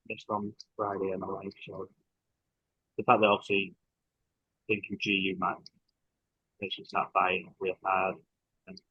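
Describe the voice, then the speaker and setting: A man's voice: sits low, sharp tone, slightly rough, no echo. A man on a group call, talking hesitantly with many fillers while his audio sounds muffled and underwater-like, breaking up. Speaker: trader reviewing charts on a group call.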